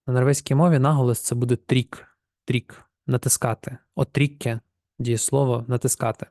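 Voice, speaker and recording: A man teaching a pronunciation lesson, explaining rules and saying each example word slowly twice so the listener can copy it. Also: mid-range voice, gravelly, warm tone, dry recording, studio quality. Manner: slow, repeats words to model pronunciation. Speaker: language teacher.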